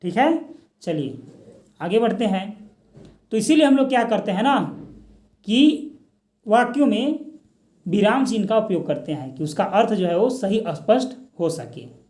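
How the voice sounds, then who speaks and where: Man, high-pitched voice, grammar lesson, asks and answers his own questions, slips in English words. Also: big pitch swings, measured pace, pauses often, darkish tone. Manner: mixes English words into Hindi. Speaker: Hindi grammar teacher. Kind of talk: exam-prep grammar lecture.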